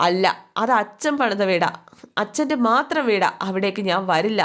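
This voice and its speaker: Woman acting out a proud young man, stubborn and firm with his mother. He pleads gently but will not give way, in a retold soap story. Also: high-pitched, expressive, moderate pace.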